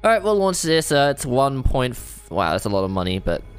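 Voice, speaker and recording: A man giving casual let's-play commentary, thinking aloud, excitable and self-deprecating as he works things out. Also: medium pitch, a little fast, smooth. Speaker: gamer playing a strategy game. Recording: faint game music behind.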